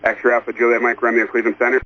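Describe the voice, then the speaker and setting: Over muffled, slightly noisy air traffic radio, a man speaks in a completely flat, medium-pitched voice at a racing pace with no room sound. He's a controller giving procedural instructions and repeating callsigns.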